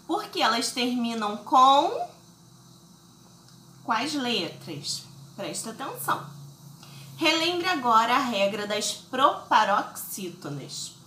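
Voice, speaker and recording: A woman's voice: on the high side, sing-song, takes it slowly, long pauses, pushed and bright, roomy sound, a little hiss or hum. A woman teaching children a recorded lesson, explaining patiently step by step and checking in often. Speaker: schoolteacher.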